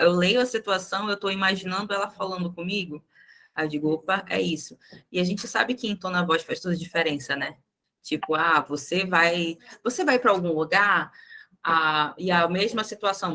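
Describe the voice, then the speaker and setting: A woman's voice: lowish voice, fairly bright tone. A young adult woman leading a live sales training, chatty and speaking straight to the group with frequent tag questions.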